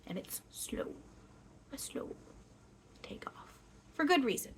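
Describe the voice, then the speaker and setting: A woman speaking as a seance medium, voicing a gentle, playful, loving spirit guide who teaches in halting phrases with long pauses. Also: medium pitch, lightly acted. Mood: gentle, teaching. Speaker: trance channeler. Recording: clear steady background noise.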